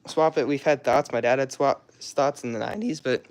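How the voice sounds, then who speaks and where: A young man casually showing his cars in a rambling, offhand way, with a scratchy, hoarse voice. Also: medium pitch, normal speed. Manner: rambling, loose and offhand, trails off mid-sentence. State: hoarse, throat-clearing, coughing. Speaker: car hobbyist showing his garage. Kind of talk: casual walkaround vlog.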